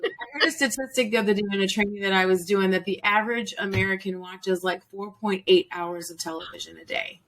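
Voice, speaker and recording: A woman's voice: mid-range voice, steady tone, quick pace, few pauses, fairly bright tone, slight background noise. Chatty woman host, casual interview. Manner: chatty, repeats phrases, laughs easily.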